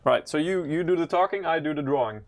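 A man co-hosting a casual livestream, relaxed and teasing, often restarting his words. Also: a little high, quick pace. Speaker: co-host.

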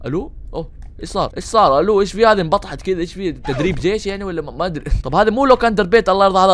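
A young man rattles through a let's-play at breakneck speed. His voice sits a little high, and he keeps up a stream of teasing jokes and excited outbursts aimed at the game. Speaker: gaming channel host.

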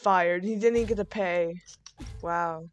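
A woman's voice: fairly low pitch, measured pace. A woman hosting a gaming video, chatting casually while running a game restaurant, with lots of fillers and laughter. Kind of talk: casual gameplay chat.

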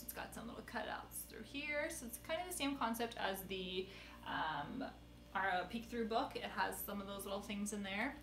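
A woman's voice: medium pitch, a bit bright, a little hiss or hum. A young woman showing children's books in a casual way, chatty, and playfully reading lines aloud. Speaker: children's book seller. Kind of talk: casual book showcase. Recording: roomy echo.

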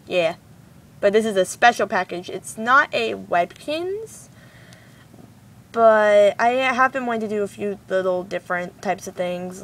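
A woman's voice: medium pitch, a bit bright. A teenage girl with a slight cold and sore throat chatting bubbly to camera while unboxing a toy, wearing a retainer. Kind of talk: casual chat to camera. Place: home, cars passing outside. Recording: mic a bit distant, faint street noise.

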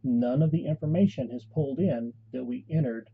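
Man, husky, mid-pitched, calm step-by-step tutorial voice-over, muffled lo-fi sound. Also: fairly quick. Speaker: tutorial host and game master. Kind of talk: screen-recorded software tutorial.

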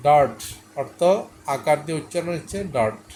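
Man teaching English pronunciation, slow and repetitive. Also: a little high, slight background noise. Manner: slow, repetitive spelling out of letters and sounds. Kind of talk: spoken English pronunciation lesson.

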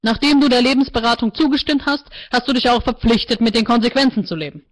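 A woman voicing a calm, coolly bureaucratic male AI life counselor in a book reading, speaking low and measured. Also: natural voice. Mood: firm. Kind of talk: author reading aloud.

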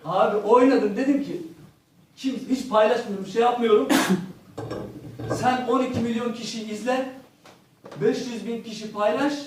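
A man's voice: sits high, a little mellow, slight background noise. A young man doing stand-up, telling crude stories and acting out the voices of the people in them. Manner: acts out the voices in his stories, crude punchlines. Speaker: stand-up comedian. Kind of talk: stand-up storytelling. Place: comedy stage in front of an audience. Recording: echoey hall, heard from a distance.

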